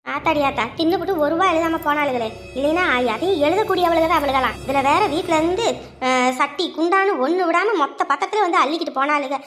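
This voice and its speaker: An actress playing a stingy, sharp-tongued older village mother who scolds and complains in a rural family drama. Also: very high-pitched, faint music behind. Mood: grumbling. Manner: scolding, complaining, quick retorts.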